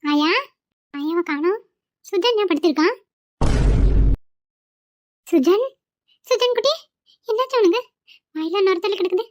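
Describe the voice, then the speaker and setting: A woman's voice: very high voice, measured pace, long pauses, background noise. A woman voicing an anxious young carer. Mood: worried. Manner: urgent and pleading. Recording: dull, dry home recording.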